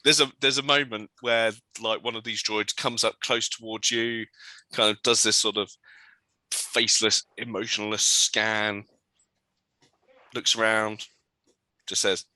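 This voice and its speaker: Gm guy, low-ish voice, super bright tone, lots of ums. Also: unhurried, pauses often, no echo. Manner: relaxed, lots of ums, describing scenes and ruling on rolls. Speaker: game master. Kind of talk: narrating a tabletop game.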